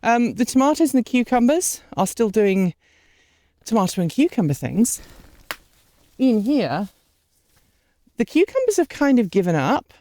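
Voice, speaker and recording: Sing-song and high-pitched yet dark in tone, this woman speaks at a measured pace with long pauses in a dry recording. Hosting an unscripted garden vlog outdoors while slightly sniffly from a lingering cold, she rambles chattily, ums often, and delivers a scripted outro of thanks to her supporters.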